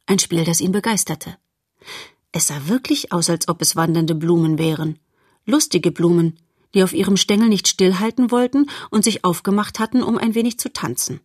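Husky woman reading a children's story. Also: on the low side, normal speed, no room sound, clean studio sound. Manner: lively, expressive storytelling. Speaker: audiobook narrator. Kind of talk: scripted narration of a children's novel.

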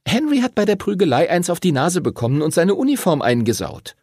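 A man's voice: high voice, very animated, brisk, darkish tone, slightly rough, no room sound, studio quality, voice pushed up, heavily acted. A man voicing a fiery, outspoken young schoolgirl who scolds her friends sharply. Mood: urgent.

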